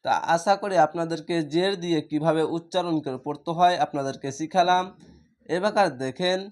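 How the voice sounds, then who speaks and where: A man teaching Arabic letter reading in a slow, step-by-step lesson, drilling each letter with its vowel sound, in a Bangladeshi Bengali accent. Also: on the high side, smooth.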